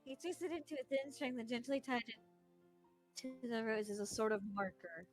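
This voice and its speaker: A woman's voice: fairly high pitch, fairly quick, soft background music, low-quality recording. A woman co-hosting a let's-play, reading visual novel narration aloud with a wry, slightly impatient manner.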